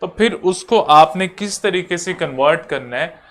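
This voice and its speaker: A man teaching an online lecture, going over each rule slowly and repeating it step by step. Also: high voice, expressive, a bit bright. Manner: repetitive, explains slowly step by step.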